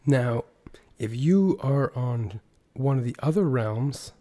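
A man who is sick with a sore throat and has nearly lost his voice, hoarse and strained and breaking into a whisper, giving casual gaming news commentary as the video's host. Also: medium pitch, animated, slow pace, dark tone.

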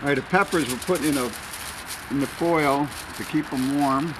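A man explaining each step as he cooks on an outdoor grill, in a relaxed, casual way. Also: on the high side, normal speed. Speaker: home cook. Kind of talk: casual cooking demonstration. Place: outdoor grill in a city at dusk. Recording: outdoor street noise.

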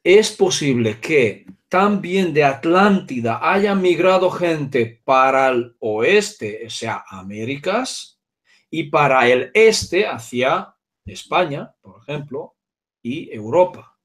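A man's voice: a little high, animated, slow pace. A man with a Hungarian accent, a native Hungarian speaker, explaining at length in an interview with many asides and checks on his listener. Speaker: guest speaker.

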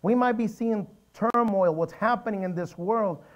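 A man preaching a sermon in a church, with animated storytelling and emphatic repetition. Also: high-pitched, moderate pace, muffled recording. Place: church sanctuary.

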